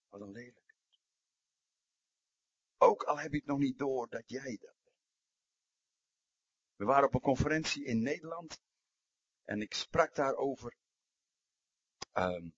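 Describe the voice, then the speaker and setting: A man preaching a sermon and telling stories, dropping to a hush and then rising to emphatic outbursts. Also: medium pitch, slightly rough, no room sound, muffled recording. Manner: storytelling, swings from hushed to emphatic.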